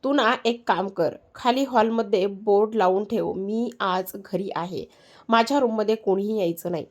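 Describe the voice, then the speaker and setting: A woman reading a storybook part as a sharp-tongued young woman who snaps back with quick retorts. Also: medium pitch, close to an everyday voice. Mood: sassy.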